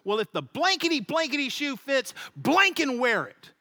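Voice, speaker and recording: A man's voice: very high-pitched, sing-song, moderate pace, sharp tone, dry recording, studio quality, in a large hall, pitched above the performer's own voice, heavily acted. A man voicing a rude, cocky young paper boy in a told story. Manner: cocky, confrontational.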